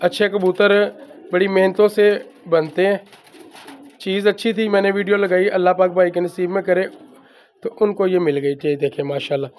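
A man from Pakistan who breeds and sells pigeons, talking loudly and emphatically as he shows birds to his viewers, repeating the same stock phrases. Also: high-pitched, fairly even intonation, normal speed. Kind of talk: casual handheld show-and-tell. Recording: faint background noise with pigeons.

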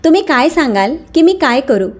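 A woman's voice: high voice, fairly quick, pitched above the performer's own voice. Polite, composed male manager in a storybook, read by a woman. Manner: calm, polite. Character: calm, respectful male restaurant manager.

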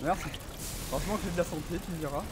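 A man's voice: fairly high pitch, very fast, heavy background noise. A man streaming a horror game, commenting live, swearing often and talking back to the enemy on screen. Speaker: gaming streamer.

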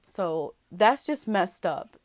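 A woman's voice: mid-range voice, very animated, slow pace, dry recording. A woman talking casually to her channel in a rambling way, full of fillers and restarts, as she reacts to a video. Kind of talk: casual reaction vlog chat.

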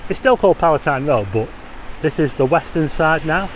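On a rainy street, a walking tour vlogger chats his way through casual commentary, asking viewers questions and tossing in wry asides. His voice is fairly high and expressive, a bit fast, with background noise.

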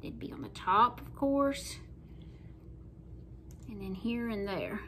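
A middle-aged Southern US woman hosts a craft painting tutorial at her home kitchen table, talking in a chatty, folksy way while she works. Her voice sits at medium pitch, expressive and fairly bright, and she speaks slowly. There's a slight hiss or hum on the recording.

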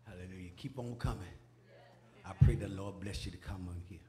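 A man speaking in a church sanctuary, exhorting the congregation in a folksy, call-and-response manner that rises toward shouting. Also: sits low, fairly quick. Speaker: preacher.

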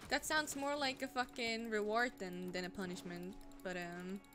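A woman's voice: mid-range voice, fairly even intonation, moderate pace, music in the background. A young woman streaming a game, chatting casually with lots of fillers and blunt swearing. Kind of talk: casual chat while gaming. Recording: noisy home stream mic.

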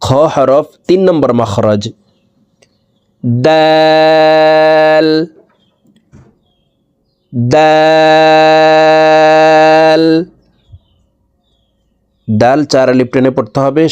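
The lo-fi recording captures a Quran teacher with a darkish, medium-pitched voice speaking at a moderate pace. In his slow recitation lesson he repeats every Arabic letter twice, then spells and explains it.

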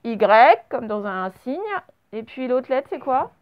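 A high-voiced woman teacher walks young pupils through a dictation lesson, patient and slow, sounding out each letter one at a time. The recording sounds a little dull and lo-fi. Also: animated, clean tone. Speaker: primary school teacher. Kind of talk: remote spelling and dictation lesson. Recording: slightly dull, lo-fi home recording.

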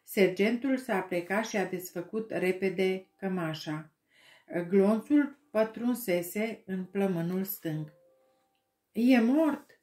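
A woman narrating an audiobook with slow, expressive storytelling. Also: medium pitch, echoey room. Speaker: audiobook reader.

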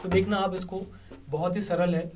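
High-voiced man teaching tabla. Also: flat delivery, moderate pace. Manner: patient, explains step by step with "dekhiye, hai na?". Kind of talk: spoken music lesson with counting and drum syllables. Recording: tabla playing loud behind the voice, voice sometimes far from the mic.

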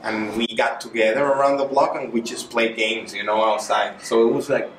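A middle-aged Venezuelan artist is interviewed by a child in a small indoor room, answering effusively and with lots of fillers in a casual chat. His medium-pitched voice is fairly even, fairly bright and at a moderate pace. The room echoes, the mic is distant, and the audio is noisy.

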